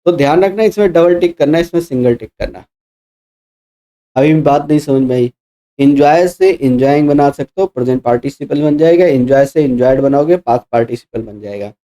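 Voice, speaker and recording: A man's voice: fairly high pitch, fairly quick, mellow. A male teacher for exam prep who explains answers step by step, spells letter by letter and corrects himself as he goes. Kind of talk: explaining mock test answers.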